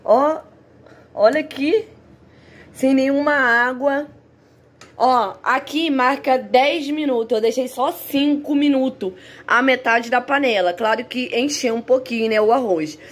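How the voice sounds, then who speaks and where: A high-pitched, unhurried voice belongs to a young woman with a Brazilian accent. Chatting to viewers as she narrates her home cooking vlog, she's in a small tiled indoor kitchen, and the recording has noise and hiss.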